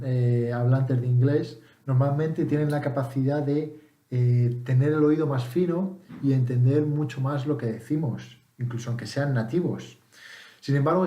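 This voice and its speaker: A man from Spain explains things to his viewers in a relaxed, unhurried way, pausing on fillers and rephrasing as he goes. His voice sounds soft and mellow. The sound bounces around a room with a noticeable echo. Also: medium pitch. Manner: relaxed, thinking aloud with many fillers and restarts. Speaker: English teacher. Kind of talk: casual spoken lesson.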